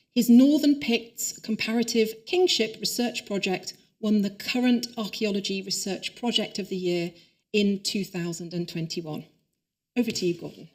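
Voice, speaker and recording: A woman hosting an academic lecture, reading a formal, measured introduction before handing over to the speaker. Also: mid-range voice, a little mellow. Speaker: event host introducing the speaker. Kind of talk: read-out introduction. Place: lecture hall.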